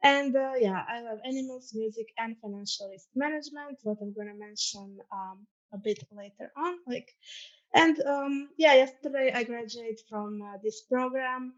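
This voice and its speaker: Croatian accent young woman, student ambassador talk, bit high voice, lots of uhs, muffled lo-fi audio. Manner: earnest, fills pauses with um and uh. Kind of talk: informal presentation. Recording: dull lo-fi sound.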